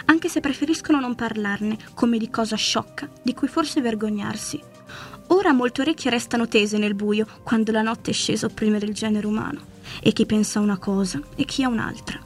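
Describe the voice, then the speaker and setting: A woman narrating a literary short story in a slow, measured, hushed manner. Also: on the high side. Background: faint music.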